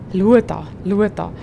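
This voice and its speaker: A woman's voice: on the high side, creaky, a little mellow, slight background noise. A woman with a Swiss German accent commentating a video game, chatty and swearing at the character on screen. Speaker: gaming streamer. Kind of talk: let's play commentary.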